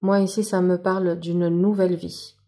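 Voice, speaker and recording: A woman's voice: lowish voice, level tone, normal speed, warm tone. A woman giving a monthly tarot reading that she addresses straight to the viewer. She talks casually and spiritually, and often breaks into wonder at the cards. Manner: enthusiastic, spiritual, exclaims in wonder; casual, speaks directly to the viewer. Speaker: tarot card reader.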